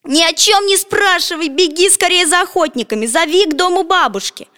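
A woman's voice: very high voice, lively intonation, moderate pace, pitched above the performer's own voice. A woman voicing a bold, bossy schoolboy in a children's story, urgent and commanding. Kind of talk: storybook reading. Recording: long echoing reverb.

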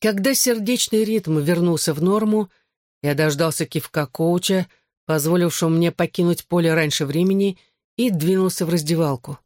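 A reader giving a steady, measured first-person narration of a novel as an audiobook. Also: medium pitch, no room sound, clean studio sound.

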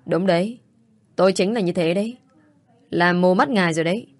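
A woman's voice: lowish voice, fairly even intonation, moderate pace, darkish tone, dry recording. Woman voicing a scolding exasperated young woman. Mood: sarcastic. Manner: scolding, raised voice.

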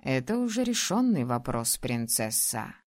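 A woman voicing a young male ruler in an audiobook, teasing and domineering, speaking low, slow and calm. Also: exaggerated voice. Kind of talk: audiobook character voice.

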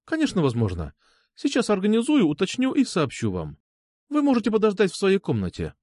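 A man's voice: high voice, huge pitch swings, fairly quick, darkish tone, dry recording, studio quality, voice pushed up, exaggerated voice. A man reading an audiobook and voicing a friendly, obliging young female hotel concierge. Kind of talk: audiobook character voice.

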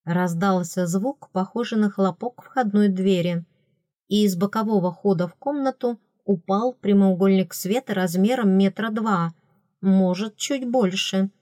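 A woman's voice: unhurried, no echo, studio quality. Woman narrating a fantasy audiobook. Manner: expressive, voicing characters with raised pitch. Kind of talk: first-person audiobook narration.

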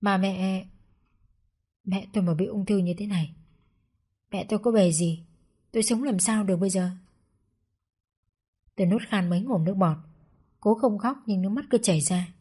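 A woman narrates a first-person story with a sorrowful, reflective manner. Her voice is mellow and warm, with a dark tone. Her pitch sits in the middle. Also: normal speed, long pauses, breathy edge.

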